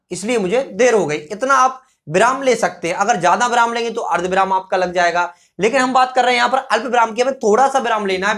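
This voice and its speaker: A male teacher giving an explanatory grammar lesson. He asks rhetorical questions, answers them himself, and repeats example sentences slowly. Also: very high-pitched, fairly bright tone.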